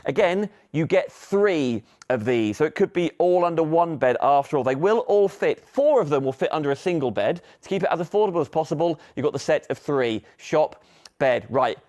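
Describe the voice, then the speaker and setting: A man's voice: on the high side, expressive, fairly quick, a little mellow. Chatty British male shopping host. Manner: chatty, upbeat sales patter with lists and asides. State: slightly out of breath. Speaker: shopping channel presenter. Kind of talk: live shopping presentation.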